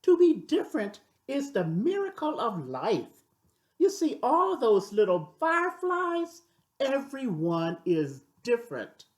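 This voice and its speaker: A loving, wise old storybook grandmother, voiced by a woman reader, speaks tenderly and reassuringly. Her voice rises and swoops in pitch as she comforts a child. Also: big pitch swings, takes it slowly, a little mellow.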